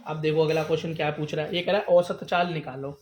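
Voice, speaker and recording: This science teacher talks fast in a high, steady, slightly mellow voice, with a little hiss or hum in the background. He keeps quizzing his class, calling the students "beta", and answers his own questions.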